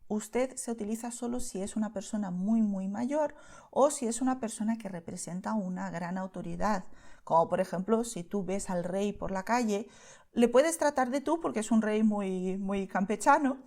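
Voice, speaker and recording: A woman's voice: mid-range voice, normal speed, dark tone. Patient Spanish woman teaching beginners. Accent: Spain Spanish. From Spain. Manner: patient, explanatory, keeps checking in with "¿vale?".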